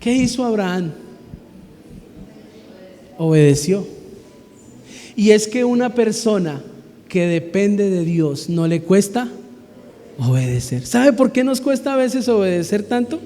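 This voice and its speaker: A male pastor preaching a sermon in a lively, colloquial way, often asking the congregation questions. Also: sits high, takes it slowly, pauses often. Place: church. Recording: reverberant church hall.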